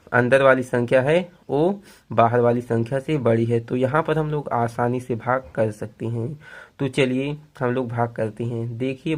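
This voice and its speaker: A man explaining long division step by step to viewers, patient and repetitive, reciting multiplication tables in a sing-song rhythm. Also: mid-range voice. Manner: patient, repeats points, addresses viewers as friends. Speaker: math teacher.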